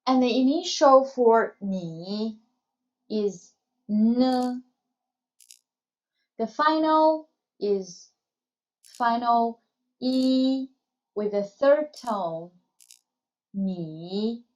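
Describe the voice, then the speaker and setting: In this scripted language lesson, a Chinese teacher guides beginners through English with a slightly high, animated, somewhat mellow voice and a very relaxed pace. Her delivery is clear and full of encouragement, while the audio itself sounds a bit dull and lo-fi.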